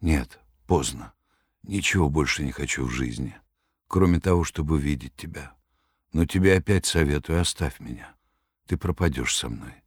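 A man voicing a tired, gentle male writer in an audiobook. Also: very deep voice, normal speed, breathy edge, no room sound, studio quality. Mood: weary. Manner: quiet and tired. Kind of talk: audiobook reading.

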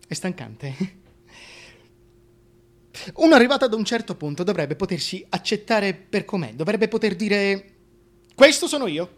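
In a theatrical radio drama monologue, an actor with a male voice that sits high plays a bitter, scheming, deformed Shakespearean duke who pities himself, shifting between declaimed verse and hushed confession.

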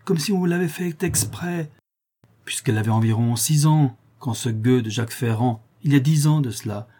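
A man's voice: medium pitch, normal speed, mellow, close to an everyday voice. A man reading aloud and voicing a greedy, scheming old woman who talks in coarse, wheedling slang.

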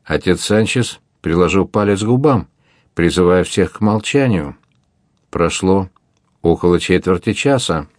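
A man reads an adventure novel aloud in a measured, dramatic way. His voice is very deep, and the recording is dry and close with no room sound. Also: expressive, no echo. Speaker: audiobook narrator. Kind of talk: scripted narration.

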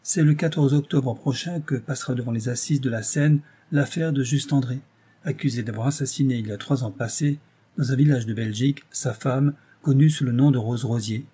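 A man narrating a novel as an audiobook in a measured, even storytelling manner. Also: mid-range voice, slightly rough.

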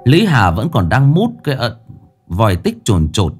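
A man narrating a ghost story in a lively, dramatic way. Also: medium pitch, normal speed, soft background music.

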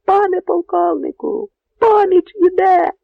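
A man voicing a young male Cossack sentry who shouts in loud excitement, in an audiobook reading. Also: very high-pitched, measured pace, creaky, no echo, voice pushed up, exaggerated voice. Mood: shouting, jubilant. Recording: narrow phone-like radio sound.

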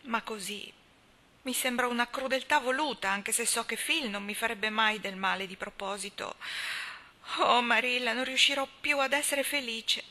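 A woman voicing a young mother who grieves her newborn and protests loudly in anguish. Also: fairly high pitch, fairly even intonation, normal speed. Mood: sorrowful.

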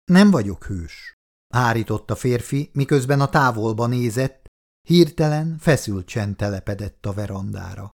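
Man narrating an audiobook, measured. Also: medium pitch, vocal fry. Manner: even, measured storytelling. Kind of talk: scripted narration.

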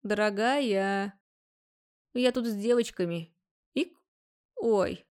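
A woman's voice: mid-range voice, slow, darkish tone, clear, resonant tone, close to an everyday voice. A woman voicing a giddy drunk young man who slurs, hiccups and sings his words on the phone in a storybook reading. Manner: slurred, hiccuping, sing-song.

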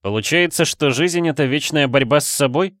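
A man voicing an anguished, guilt-ridden young man who is quick to fly into a rage, raised well above his own voice. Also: on the high side, dry recording, clean studio sound, voice pushed up, natural voice. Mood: miserable. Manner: tense, shouting outbursts. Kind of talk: audiobook character voice.

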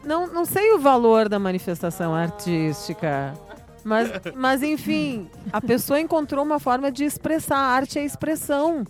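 A woman, a teacher joining a casual podcast chat among friends, speaking in a measured, thoughtful way. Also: sits high, animated, soft background music.

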